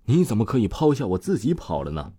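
A man voicing a vengeful skinless male ghost who taunts in a slow, low, menacing way. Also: big pitch swings, warm tone, slightly rough, no room sound, studio quality.

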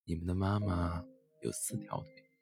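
A man's voice: low voice, steady tone, normal speed, gravelly, a little mellow. A man voicing a big mother fish in a storybook, speaking with amused kindness. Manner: amused, kindly. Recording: music playing behind.

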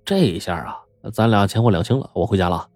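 A man voicing a frightened, sly teenage nephew who stammers and pleads in a raised, husky voice. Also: on the low side, expressive, fairly quick, a little mellow, dry recording, faint music behind. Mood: nervous.

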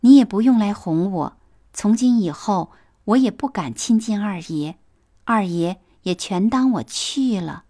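A woman's voice: mid-range voice, lively intonation, normal speed, hardly any pauses, a little mellow, natural voice. A woman voicing a wounded, sulking young noblewoman who answers coldly through tears in a storybook reading. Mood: hurt. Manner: cold, wounded.

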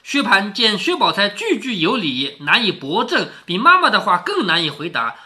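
Man, middle-aged, casual read-aloud, explains as he goes, rhetorical questions, animated pitch. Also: moderate pace. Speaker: storyteller reading a classic novel to his daughter.

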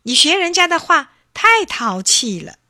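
A woman voicing a cheerful, impatient little boy in a children's storybook reading, exclaiming in a high voice. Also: very animated, unhurried, sharp tone, no room sound, studio quality, full character voice. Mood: eager.

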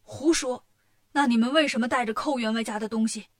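A woman's voice: on the high side, brisk, natural voice. A woman doing a stern scolding prefect. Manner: indignant, scolding. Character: stern male prefect, quick to accuse.

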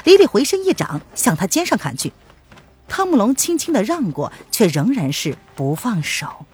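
Woman audiobook narrator, husky, animated delivery, dry room, faint music under. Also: a little high, moderate pace. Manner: expressive, dramatic storytelling. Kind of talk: audiobook martial-arts story reading.

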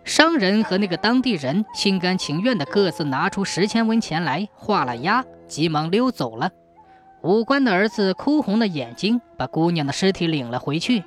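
Lively folk tale storyteller. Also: mid-range voice, moderate pace, soft background music. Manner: lively, dramatic.

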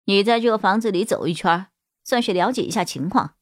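A woman storyteller voicing a male shop boss who talks in a lowered, coaxing, soothing way. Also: a little fast, no echo, clean studio sound, close to an everyday voice. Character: gruff flustered male shop boss, gentle underneath.

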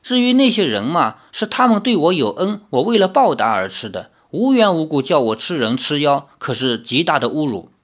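A prickly demon king, as a reader puts him on, snaps back in quick, huffy bursts. He is boastful and sulky, and his pitch climbs and swoops as he talks. It is a storybook reading. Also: big pitch swings. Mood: grumbling. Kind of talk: audiobook reading.

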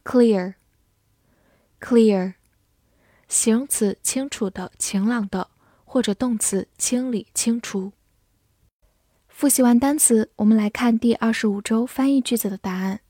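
A woman teacher with a fairly high, mellow voice runs a vocabulary drill at a very slow, deliberate pace. She says each word twice, then lists its meanings calmly, and the sound is close and dry. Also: dry recording. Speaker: English teacher.

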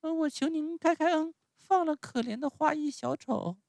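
A man voicing a small wooden puppet boy who pleads and then speaks up bravely, in a thin, high voice. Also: moderate pace, gravelly, a little mellow, dry recording, clean studio sound. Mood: pleading.

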